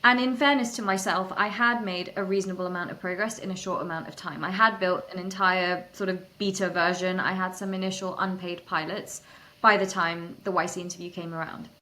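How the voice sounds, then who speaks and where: A young woman startup founder, speaking as an interview guest, tells her story in a fairly low, fairly even voice that sounds pushed and bright. She talks fairly quickly, candidly and self-deprecatingly, and keeps restarting her phrasing.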